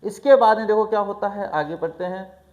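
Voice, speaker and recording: A male teacher explaining a textbook chapter, reading English lines slowly and then explaining them in a chatty way. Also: high voice, a little mellow. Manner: chatty, addresses students as brother. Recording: echoey room.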